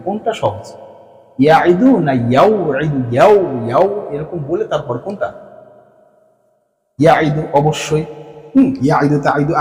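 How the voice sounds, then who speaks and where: A man's voice: fairly high pitch, a little mellow, big-room sound, low-quality recording. A Bengali-speaking man teaching an Arabic grammar class. He asks questions and then answers them himself.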